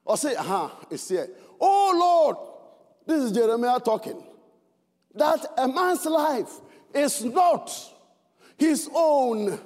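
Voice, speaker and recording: A man with a Ghanaian accent preaching a sermon, swinging between fervent shouts and low, earnest tones. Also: animated, slow, in a large hall.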